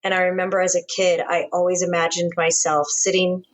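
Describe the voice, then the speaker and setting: A woman's voice: lowish voice, level tone, fairly quick. A woman from Florida with an American accent, co-hosting a show and chatting casually as she tells personal stories. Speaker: podcast co-host. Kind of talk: casual chat, personal storytelling.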